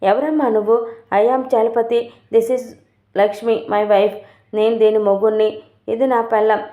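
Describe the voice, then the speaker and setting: A woman's voice: on the high side, steady tone, a little slow, dark tone, close to an everyday voice. Woman reading a grumbling, sarcastic old father. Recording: tinny, roomy phone-like recording.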